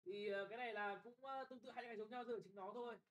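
A young man tutoring a class for an exam, brisk and bossy, often checking whether students follow and scolding them bluntly. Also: high-pitched, fairly even intonation, a bit bright, poor audio. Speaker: English tutor.

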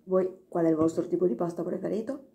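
A woman's voice: fairly low pitch, a little fast, dark tone. A woman chatting casually to her viewers while eating, talking with her mouth full of pasta. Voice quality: chatty, self-deprecating, laughs often. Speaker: mukbang vlogger.

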